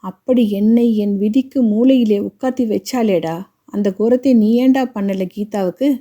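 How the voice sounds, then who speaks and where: A woman's voice: mid-range voice, normal speed, dark tone, lightly acted. A woman voicing an elderly widowed grandmother who talks with impassioned, reproachful pleading. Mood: grieving reproach.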